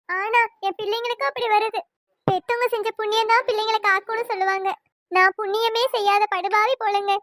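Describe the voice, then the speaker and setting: A woman's voice: very high-pitched, fairly bright tone, no room sound, clean studio sound. A woman voicing a poor, grieving mother in a cartoon who pleads tearfully about her hardships. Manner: tearful lamenting pleas. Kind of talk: cartoon voice acting.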